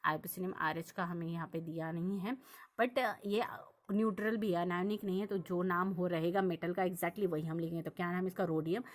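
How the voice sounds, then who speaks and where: A woman's voice: on the low side, fairly even intonation, fairly quick. Woman teaching chemistry, asking questions. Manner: repetitive, checks understanding with questions. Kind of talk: classroom lesson explaining on a board.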